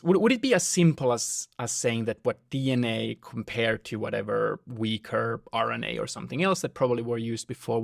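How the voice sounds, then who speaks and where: Creaky-voiced man thinking aloud. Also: mid-range voice, no echo, studio quality. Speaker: interviewer. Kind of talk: conversational science interview.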